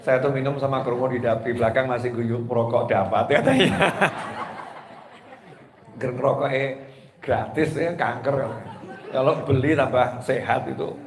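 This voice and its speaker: A man's voice: medium pitch, moderate pace, pauses often. A man preaching a casual, humorous sermon, telling stories and jokes to a gathering. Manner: joking, conversational, lively storytelling. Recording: echoey hall with long reverb.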